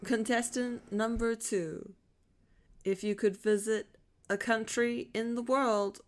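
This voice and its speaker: A woman's voice: fairly high pitch, fairly even intonation, takes it slowly. A woman playing an improv game-show round, asking the contestants playful questions.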